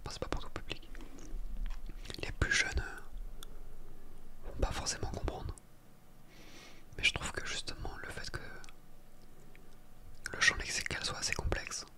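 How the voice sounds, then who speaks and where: A person reading a book aloud for ASMR in a soft library whisper, sometimes stumbling over words and correcting themselves. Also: measured pace, pauses often. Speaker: ASMR reader.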